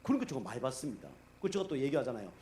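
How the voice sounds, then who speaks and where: A middle-aged man preaching as a pastor in a church, telling stories in a casual, animated way and acting out the people he quotes. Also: medium pitch, very fast, a little hiss or hum. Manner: animated, acts out quoted speech, many fillers. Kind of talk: conversational sermon storytelling. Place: church sanctuary.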